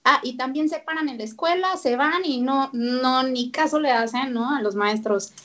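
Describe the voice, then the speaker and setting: A high-voiced woman, speaking as a therapist guest on a radio show. She talks animatedly and acts out the voices of parents and children. The radio audio sounds dull and lo-fi. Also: normal speed, fairly bright tone. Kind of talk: radio interview.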